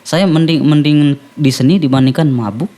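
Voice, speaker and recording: A man, a rapper guest in a casual podcast chat, talking haltingly and restarting as he searches for words. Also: fairly high pitch, mellow.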